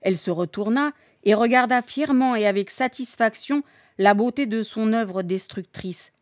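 A woman's voice: on the high side, no room sound. Woman reading a novel aloud, dry sound. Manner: steady, measured storytelling. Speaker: reader.

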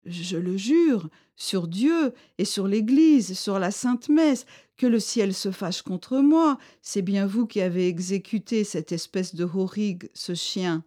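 A woman's voice: mid-range voice, lively intonation, takes it slowly, hardly any pauses, warm tone. A woman voicing a frightened, timid peasant man who talks nervously and pleads.

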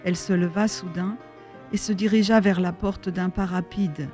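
A woman reading a story aloud as narrator in a measured, solemn way. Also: fairly low pitch, steady tone, warm tone, faint music behind.

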